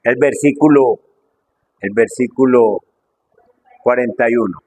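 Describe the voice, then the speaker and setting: A man's voice: measured pace, rough recording. A middle-aged man preaching a sermon with fervour, asking the congregation one rhetorical question after another and swinging his voice up and down. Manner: fervent, full of rhetorical questions, wide swings in pitch and loudness.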